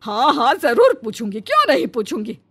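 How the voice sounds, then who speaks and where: A woman's voice: sits high, very animated, moderate pace, breathy edge, faint music behind, full character voice. A woman voicing a stern, bossy middle-aged mother-in-law who scolds and gives orders in a cartoon story. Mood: scolding. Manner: scolding, commanding. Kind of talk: Hindi cartoon story voice acting.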